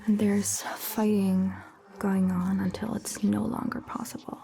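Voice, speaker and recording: Whispering breathily and softly, a woman ASMR performer portrays a gentle, attentive vampire doctor with calm, measured phrasing. Her voice is medium in pitch, and some slight hiss or hum comes through.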